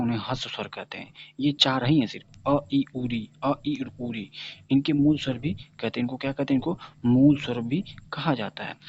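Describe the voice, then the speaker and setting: A man's voice: medium pitch, gravelly. A man teaching Hindi grammar, sounding out letters one by one and answering his own questions as he drills the class. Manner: asks a question, then answers it himself. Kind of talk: classroom-style grammar lesson. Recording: dull lo-fi recording.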